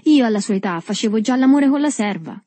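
A woman's voice: on the high side, lively intonation, fast talker, warm tone, no room sound, voice pushed up, natural voice. A woman voicing a thin, pale young man with a cool, offhand manner, read as an audiobook. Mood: mocking. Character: thin pale blond man, coolly mocking. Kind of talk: audiobook reading.

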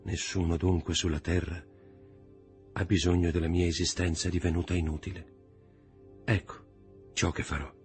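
A man's voice: deep voice, little pitch movement, normal speed, pauses often, darkish tone, soft background music, close to an everyday voice. Man playing a grave young lover. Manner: grave, earnest, slightly raised delivery. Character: earnest young man in love, grave and bitter.

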